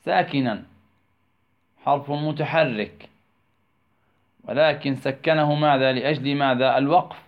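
A man teaching tajweed, drawing out words and asking rhetorical questions that he answers himself, repeating key terms. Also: mid-range voice. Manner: slow, drawn-out phrasing. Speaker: Quran recitation teacher. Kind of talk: tajweed lesson, explaining verses of a poem. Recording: tinny phone-like recording.

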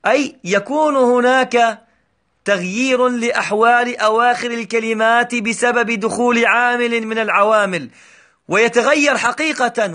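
A male teacher explaining a grammar lesson, patiently repeating examples slowly and checking that his students follow. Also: very high-pitched, pushed and bright.

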